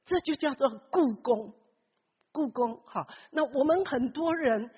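Preaching to her congregation, this high-pitched woman speaks unhurriedly with lively intonation, often posing questions and voicing Bible characters through dramatic shifts in tone. It's captured in a lo-fi, dull recording with long hall reverb.

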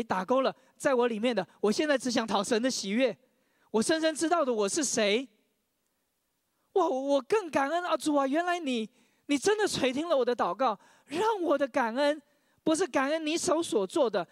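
A man's voice: very high-pitched, dry recording, clean studio sound. A man preaching a sermon, sharing his own testimony, often stammering over repeated words and leading the congregation in reading scripture aloud.

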